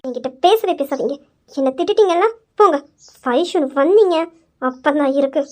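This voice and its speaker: A woman's voice: high-pitched, expressive, normal speed, a little mellow. A young woman playing a cheeky, idle girl who teases her grandmother and sulks at her boyfriend. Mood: sulking. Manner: cheeky, pouting. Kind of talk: amateur romance skit.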